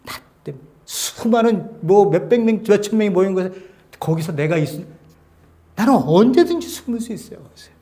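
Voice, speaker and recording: Animated preaching pastor with a high voice. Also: male voice, a little fast. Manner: swings between loud exhortation and hushed near-whispers; asks the congregation rhetorical questions. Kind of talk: sermon.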